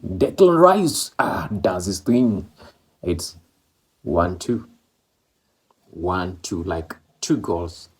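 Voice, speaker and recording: A man from East Africa with a deep, slightly mellow voice, gravelly and husky, vlogs casually about a football match. He speaks English as a second language, his first being Swahili or Maloko. He rambles, repeating himself and using many fillers.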